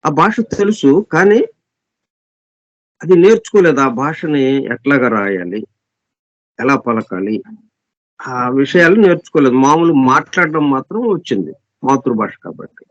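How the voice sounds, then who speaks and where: A man giving an explanatory scripture lesson as a spiritual teacher, repeating and listing synonyms slowly and deliberately, reading English passages very slowly. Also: fairly high pitch, very animated, no echo. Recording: dull, dry lo-fi recording.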